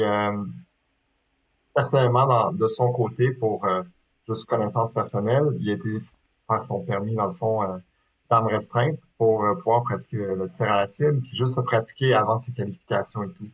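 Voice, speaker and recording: A man in his thirties from Quebec, Canada, speaks casually with a Québécois French accent as an interview guest, a sport shooter. His voice is lowish with fairly even intonation at a moderate pace, and he hesitates often, full of fillers and restarts. The audio quality is poor.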